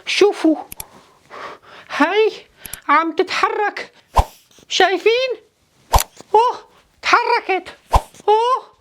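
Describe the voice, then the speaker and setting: A woman's voice: very high-pitched, slow, pauses often, fairly bright tone, slight background noise, full character voice. A woman voicing a timid, playful male clown who hosts a children's show, with a Levantine Arabic accent and a sing-song, exaggerated, giggly manner. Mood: scared.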